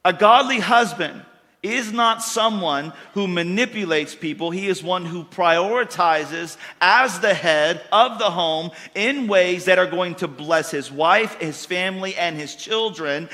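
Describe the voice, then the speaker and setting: A man preaching a sermon to a congregation, folksy and emphatic, building to louder bursts. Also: sits high, measured pace, in a large hall. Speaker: pastor. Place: church hall with congregation.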